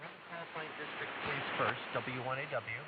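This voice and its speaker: A man's voice: mid-range voice, moderate pace. A man running an amateur radio net, heard over AM ham radio that is slightly off-tune, calling out call signs in an orderly, courteous way. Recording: distant, muffled radio with loud static.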